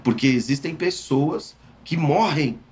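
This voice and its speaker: A man's voice: on the high side, lively intonation, unhurried, darkish tone. Earnest man retelling an incident. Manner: earnest, emphatic, with frequent restarts. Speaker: interviewee. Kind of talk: recounting a personal experience.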